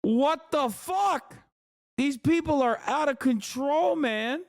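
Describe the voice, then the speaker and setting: A man's voice: very high voice, expressive, slow, dry recording. A man hosting a livestream, reacting to clips in profane, incredulous rants. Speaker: livestream host. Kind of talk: casual streaming commentary.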